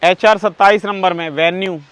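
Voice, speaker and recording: Male used-car auction rep, high voice, assuring sales patter in clipped bursts, very dry recording. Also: fairly even intonation, normal speed, fairly bright tone, clean tone, no echo. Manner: salesman-like, assuring, lists details in short bursts. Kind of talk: unscripted sales walkthrough of car stock.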